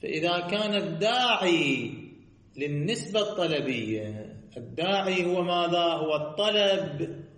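Guy giving a scholarly lecture, kinda high voice, singsongy stress, asks himself questions, echoey room. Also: animated, unhurried, a bit bright. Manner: rhetorical questions answered himself, sing-song emphasis. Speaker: teacher. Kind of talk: seminary lecture on jurisprudence.

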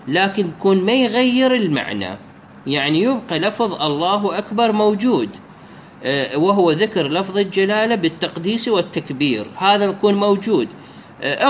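A man's voice: on the high side, slight background noise. A man teaching a religious law text in a colloquial lecture, explaining step by step and asking himself rhetorical questions.

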